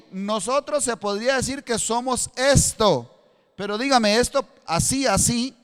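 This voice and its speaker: A Costa Rican man preaching in a high, clear, resonant voice. He shifts between quiet explanation and fervent emphasis, and his voice rings out with a long church-hall reverb. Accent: Costa Rican Spanish. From Costa Rica. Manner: preaching with a matchstick demonstration, rising to fervent emphasis. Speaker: pastor. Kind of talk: sermon.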